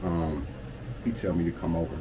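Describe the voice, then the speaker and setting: A man in his forties from Cleveland speaks in a low voice, telling his story in a loose, streetwise monologue full of slang and "you feel me" asides. An air conditioner hums clearly and steadily behind him throughout. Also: fairly even intonation, moderate pace. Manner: streetwise slang and profanity, constant "you feel me" check-ins. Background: air conditioning hum.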